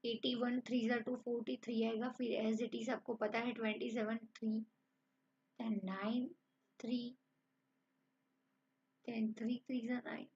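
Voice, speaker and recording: A woman's voice: fairly high pitch, level tone, slow pace, pauses often, a little mellow, lo-fi sound. A woman teaching a math lesson online, coaxing students through each step. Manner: encouraging, addresses students as friends.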